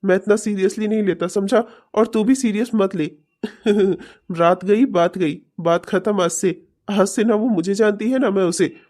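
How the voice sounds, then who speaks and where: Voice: medium pitch, unhurried, a little mellow, natural voice. A performer voicing a scheming, deceitful young man in a cartoon, mocking and laughing often. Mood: gloating. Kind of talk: cartoon voice acting.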